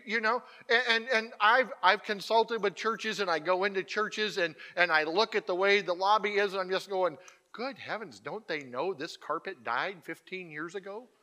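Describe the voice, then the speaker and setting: A man's voice: sits high, pushed and bright. A man preaching a conversational sermon. He is emphatic and keeps checking in with the congregation through asides.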